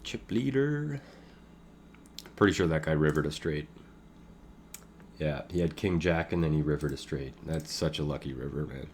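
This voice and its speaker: A man with a deep, low voice narrates his own online poker session live. He thinks aloud in a loose, casual way, trailing off with fillers and laughing at his own asides. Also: level tone, fairly quick, slight background noise. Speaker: poker streamer commenting his own play. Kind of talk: casual live game commentary.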